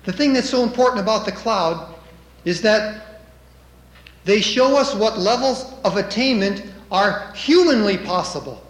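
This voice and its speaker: A man with a high voice preaches slowly and deliberately. He reads scripture with measured emphasis and lets his voice swell on key lines. The sound rings in an echoey room. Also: lively intonation, fairly bright tone. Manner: measured, emphatic delivery with dramatic rises. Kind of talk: sermon with scripture reading.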